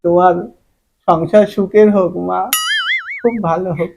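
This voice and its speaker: A man's voice: high-pitched, steady tone, gravelly. A man playing a humble beggar who pleads for alms and gushes with gratitude in a comedy sketch. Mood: pleading. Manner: slow pleading, sentimental. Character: humble male beggar, pleading and overly grateful. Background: loud background music.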